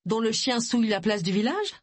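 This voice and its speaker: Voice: medium pitch, animated, a little fast, no room sound, voice pushed up, lightly acted. A reader voicing Agatha, a pushy woman sleuth firing insistent questions in a raised voice. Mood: probing.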